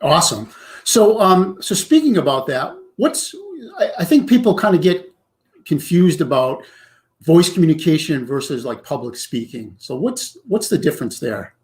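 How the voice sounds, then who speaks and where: Male host, fairly high voice, friendly, casual questions with lots of fillers. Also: very animated, moderate pace. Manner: friendly, uses many fillers. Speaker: live stream host.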